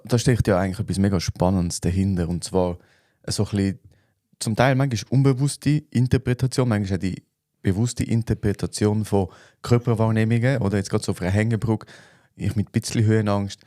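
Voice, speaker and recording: Mellow Swiss German man, unhurried chat. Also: fairly low pitch, no echo, clean studio sound. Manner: relaxed, thinks aloud with fillers. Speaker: podcast co-host. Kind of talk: casual chat.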